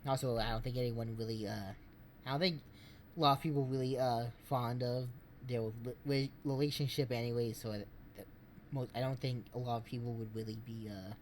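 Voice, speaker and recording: A man streaming, giving casual game commentary in a rambling, halting way. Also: medium pitch, steady tone, a little hiss or hum.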